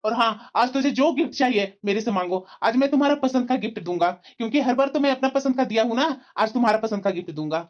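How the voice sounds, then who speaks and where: A woman voicing a smooth-talking, cheating young husband in a cartoon, coaxing and evasive, full of fillers. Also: a little high, expressive, fast, hardly any pauses, darkish tone, dull audio, close to an everyday voice. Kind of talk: cartoon voice acting.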